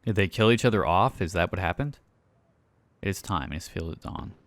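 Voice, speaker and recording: A man's voice: low voice, animated, brisk, no echo. A man giving casual let's play commentary, thinking aloud and reading game notes. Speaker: gaming YouTuber.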